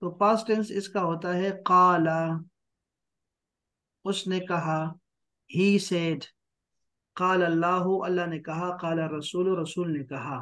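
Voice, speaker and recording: A man teaching an online Arabic grammar class, patiently repeating key terms slowly. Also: high voice, steady tone, a bit bright. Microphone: online class mic.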